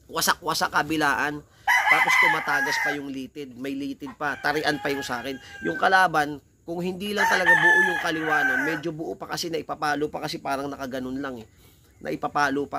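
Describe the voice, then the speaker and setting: A man, hoarse from shouting, talking in a heated, animated way as a casual vlog host. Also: mid-range voice, very noisy. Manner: animated, heated, repeats himself. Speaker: cockfighting vlogger. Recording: loud roosters crowing behind.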